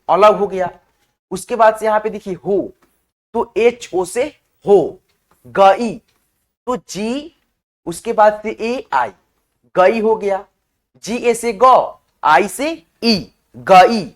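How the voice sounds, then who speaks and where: A woman teaching spelling, walking her viewers through each word one letter at a time. Her pitch sits in an ordinary middle range, and she keeps pausing to make sure her viewers are following along. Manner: keeps checking in with the viewers as friends. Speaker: online teacher. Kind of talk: step-by-step spelling lesson.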